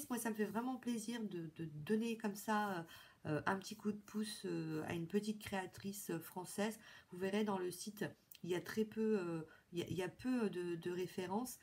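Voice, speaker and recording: A woman's voice: medium pitch, breathy edge. Chatty French woman showing a haul. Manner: chatty, enthusiastic, many fillers and restarts. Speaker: beauty vlogger. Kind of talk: casual haul video.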